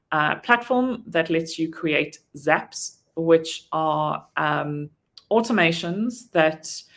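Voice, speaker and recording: Low creaky South African woman. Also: fairly bright tone. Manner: casual, lots of ums, self-correcting. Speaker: virtual assistant trainer. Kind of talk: online training talk.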